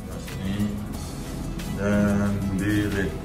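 Young Malaysian male vlogger, relaxed slow delivery, chatty, phone-recorded over loud background music. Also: lowish voice. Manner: chatty, guiding the viewer on a family road trip. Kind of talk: casual travel vlog. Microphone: phone camera held at arm's length. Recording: loud music bed under the voice.

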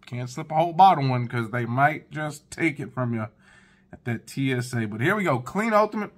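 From his living room, a thirtysomething man shares relaxed first impressions of fragrances, chatting directly with his audience. He has a mid-range voice that is animated and moves at a moderate pace.

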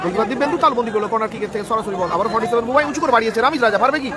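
A man giving frantic live football commentary outdoors, excitable and repeating names and exclamations. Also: extremely high pitch, rapid-fire. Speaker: live football match commentator and stream host. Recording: noisy outdoor ground with loud crowd. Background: loud crowd and outdoor noise.

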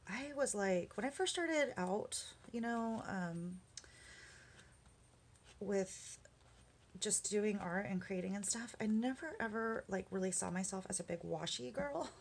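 A woman chatting casually at her craft desk as she works on a journal page, rambling with lots of fillers and small laughs, and sometimes muttering quietly to herself. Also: mid-range voice, animated, measured pace, vocal fry, slight background noise. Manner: mutters softly to herself while working. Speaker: craft vlogger. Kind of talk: casual chat while crafting. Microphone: camera on the work desk.

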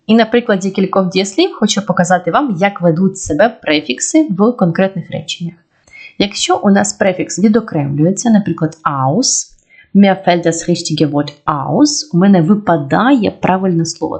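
A woman teaching a German grammar lesson online, explaining rules step by step and slowing down to model example sentences. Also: medium pitch, darkish tone.

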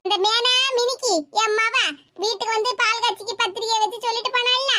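A woman doing Parimalam, squeaky old village mother. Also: fairly even intonation, fairly quick, sharp tone, slight background noise. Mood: lecturing. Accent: Tirunelveli Tamil. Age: older. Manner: scolding, mocking, nagging. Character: sharp-tongued old village mother, cheerful and stubborn. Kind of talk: cartoon voice acting.

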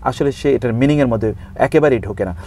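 Speaking with a mid-range voice at a quick pace, this Islamic scholar guest lays out scripture point by point during an interview. He recites verses in Arabic and mixes in some English words.

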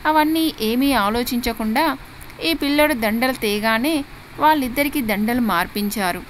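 A woman narrating a dramatic family story in a steady, expressive storyteller's manner. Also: fairly high pitch, normal speed, slight background noise.

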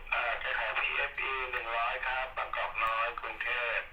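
A man's voice: medium pitch, little pitch movement, fairly quick, loud music behind the voice, poor audio. Man calling in over walkie-talkie. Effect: heard over a walkie-talkie radio. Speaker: radio operator calling in. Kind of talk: formal radio call sign exchange.

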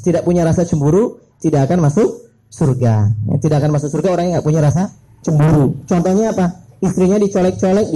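A middle-aged man delivers a lively sermon in a high voice with a very dark, mellow tone. He keeps the mood light with playful asides to his listeners. His manner is that of a preacher talking casually with his audience. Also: slightly rough, low-quality recording. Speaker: Islamic preacher.

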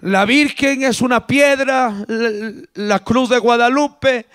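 A man from Peru preaching a fiery sermon with a Peruvian accent at a church service, breaking into shouted rising bursts and acted-out voices, then dropping to low quiet asides. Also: fairly even intonation, takes it slowly, clear, resonant tone, no room sound, clean studio sound. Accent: Peruvian Spanish. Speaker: pastor.

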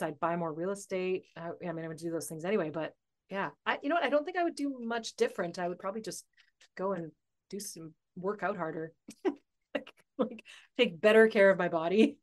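This podcast guest, an author and coach in her forties, chats casually during an interview, thinking out loud and laughing frequently. Her voice is medium-pitched and a bit bright.

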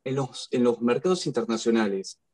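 A man's voice: medium pitch, moderate pace, a little mellow, no room sound. A man with a Buenos Aires Argentine accent asking a question in an online class, in a hesitant, thoughtful way. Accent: Buenos Aires Argentine Spanish.

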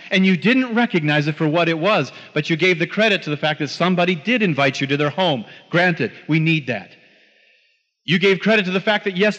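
A man giving an emphatic, animated storytelling talk to a live audience, repeating phrases for weight. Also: on the high side, long reverb tail, dull audio.

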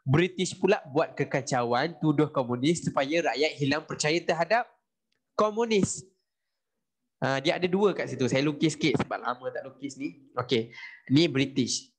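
Malaysian guy teaching history on a video call, keeps asking the class stuff, voice a bit high. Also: moderate pace. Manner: lively, asks students questions, mixes in English. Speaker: history tutor. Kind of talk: online class lecture.

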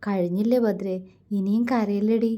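A woman's voice: high-pitched, big pitch swings, fairly quick, mellow. A woman voicing a playful, loving young husband who teases and comforts his wife in a romance story. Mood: tender. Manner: teasing and tender.

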